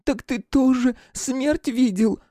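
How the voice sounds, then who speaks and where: A man reading an audiobook, voicing a frightened, simple-minded young village woman in a high, pleading voice. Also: measured pace, mellow, dry recording, clean studio sound. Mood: agitated.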